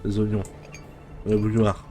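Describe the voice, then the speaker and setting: A man's voice: on the low side, completely flat delivery, measured pace, music in the background. A man giving casual, playful let's play commentary, often muttering and repeating himself. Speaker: gaming streamer.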